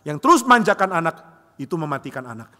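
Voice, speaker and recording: A man's voice: a little high, fast talker, long reverb tail. A man preaching a sermon in a church, telling humorous stories and acting out the voices of the people he quotes. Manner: animated, acts out quoted voices, jokes. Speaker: pastor. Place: church hall.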